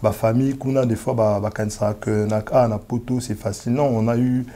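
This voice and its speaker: Man, warm mellow tone, halting casual speech. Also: medium pitch, fairly even intonation. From DR Congo, raised in Kinshasa. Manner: hesitant, many fillers and restarts. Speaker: guest. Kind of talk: casual interview, mixing French and Lingala.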